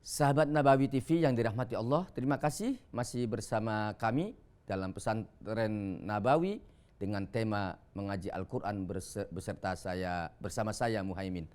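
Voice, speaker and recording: A man teaching Quran reading on a television program, explaining patiently and chanting Arabic verses slowly. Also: lowish voice, a little mellow. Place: TV studio.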